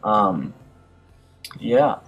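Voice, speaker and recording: Hesitant low-voiced man reading gaming news. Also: very animated, very slow, fairly bright tone, dull audio, soft background music. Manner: hesitant, frequent fillers and restarts. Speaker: gaming video commentator. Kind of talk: casual news commentary, reading articles aloud.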